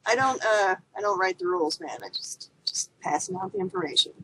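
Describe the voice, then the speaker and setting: Gravelly, lively woman, giggly and easygoing, faint noise behind. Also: medium pitch, a little fast, rough recording. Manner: laid-back, giggly. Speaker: guest team lead. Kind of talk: casual group chat.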